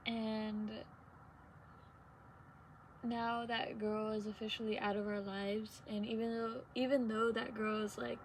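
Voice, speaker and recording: A young adult woman vlogging in casual, unscripted confessional chat, hesitant, trailing off and pausing between phrases. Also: on the high side, level tone, slight background noise, rough recording. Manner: hesitant, trailing sentences with long pauses.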